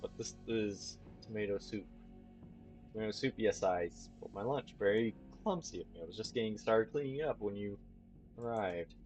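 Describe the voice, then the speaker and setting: A man's voice: lowish voice, moderate pace, a little mellow, faint music behind, close to an everyday voice. Chuck, a man doing a lisping creepy innkeeper. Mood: creepy cheerful. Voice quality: lisp, odd emphasis on words. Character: creepy grinning male innkeeper with lisp.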